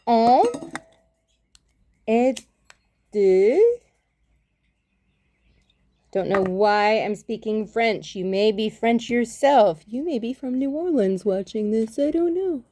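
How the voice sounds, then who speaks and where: A woman with a slightly high voice reads tarot on a livestream, taking her time over every word. She chats warmly and rambles as she gets ready. The sound comes through her phone. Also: unhurried, few pauses. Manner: chatty, affectionate, rambling. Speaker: tarot reader. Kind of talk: casual livestream chat.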